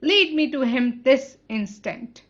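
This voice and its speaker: A woman's voice: expressive, extremely slow, highs cut off, exaggerated voice. A woman reading aloud, voicing a furious middle-aged mother who shrieks and accuses. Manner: shrill, accusing.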